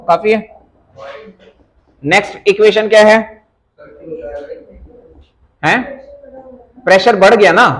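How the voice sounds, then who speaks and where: A man with a high, light voice runs a live chemistry class. He teases his students and calls them by pet names. He often drops into English phrases mid-sentence. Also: rough recording. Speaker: chemistry teacher.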